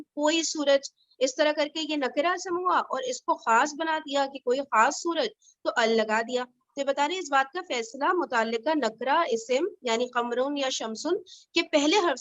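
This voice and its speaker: A woman's voice: sits high, fairly bright tone, dry recording, highs cut off. A woman teaching an Arabic grammar class over a video call, explaining patiently step by step and checking that her students understand.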